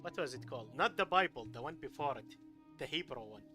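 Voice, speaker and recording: A man's voice: mid-range voice, lively intonation, fast talker. A man from Iraq streaming a game, talking in a rambling, hesitant way with many fillers. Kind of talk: live gameplay commentary. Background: game music.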